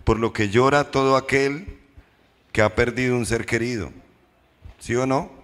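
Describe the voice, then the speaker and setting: A man preaching a sermon as pastor, posing questions to the congregation and slowing down for emphatic repetitions. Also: medium pitch. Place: church hall. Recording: reverberant church hall.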